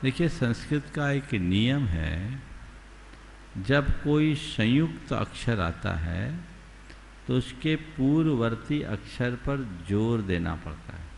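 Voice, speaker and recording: A man, a Jain monk, giving a sermon, teaching slowly and deliberately and asking his listeners rhetorical questions. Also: mid-range voice, gravelly, a little mellow. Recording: long hall reverb, faint background noise.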